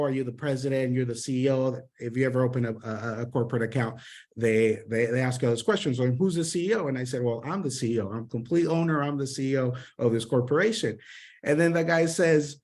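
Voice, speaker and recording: A man's voice: mid-range voice, a little mellow. Upbeat man from Honduras on a call. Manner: upbeat, repeats words, many fillers. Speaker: sales trainer, guest mentor. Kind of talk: motivational sales training over a call. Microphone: online call.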